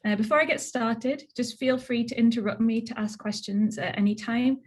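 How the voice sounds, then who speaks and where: With a fairly high voice, fairly even intonation, a breathy edge and a moderate pace, a young woman with a Northeast English accent, from northeast England, gives a research talk by video call. She's plain-spoken and chatty, often saying "so" and "um".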